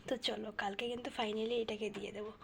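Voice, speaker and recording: A young woman housewife vlogging to viewers from her phone at home at night, talking softly and hushed because her child is asleep. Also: on the high side, flat delivery, fast talker, vocal fry, noisy background. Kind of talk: casual vlog talk to viewers.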